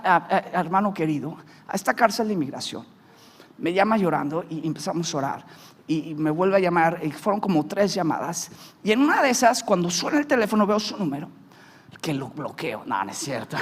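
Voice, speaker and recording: An animated male pastor, preaching and telling stories to his congregation. His voice climbs from quiet, low passages to loud exclamations. A long hall reverb trails behind every phrase. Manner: animated, swings from hushed to shouting, jokes with congregation. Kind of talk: sermon with storytelling.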